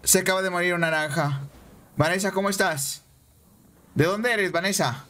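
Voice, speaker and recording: A Mexican man streaming a game, chatting excitably with viewers and repeating himself. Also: high-pitched, moderate pace. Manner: excitable, repeats phrases, banters with chat. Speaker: gaming streamer. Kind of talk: casual live-stream chat over gameplay.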